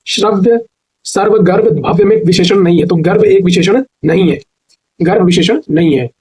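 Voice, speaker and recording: A male teacher with a North Indian Hindi accent giving an exam-prep grammar lesson, asking questions and answering them himself, slowly spelling words out syllable by syllable. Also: high voice, mellow, breathy edge, low-quality recording. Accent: Hindi-speaking North India.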